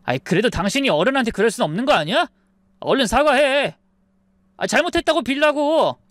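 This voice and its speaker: A woman reading the part of an irritated young husband in a dramatized family story. He sounds demanding and heated, with pitch swinging widely. The recording is dry and close. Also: lively intonation, fairly quick, no room sound, lightly acted. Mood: angry. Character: angry young husband siding with his mother.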